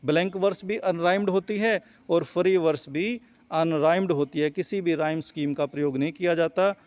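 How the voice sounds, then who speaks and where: A man's voice: fairly high pitch, a little mellow, no room sound. A male teacher giving an explanatory lecture on poetry, repeating and rephrasing each point with fillers. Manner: reads English lines slowly, then explains in Hindi.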